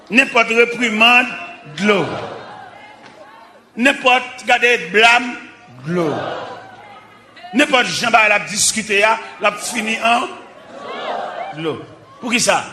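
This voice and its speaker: A Haitian man preaches with fervor, shouting his sermon in short, punchy bursts. His voice sits high and he takes his time. He is recorded in a roomy, echoing church with the congregation and steady noise behind him.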